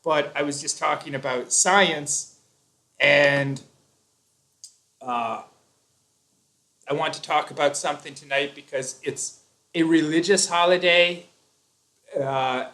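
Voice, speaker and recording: A man's voice: on the high side, pushed and bright. A man hosting a casual live stream, explaining his views at length with fillers and restarts.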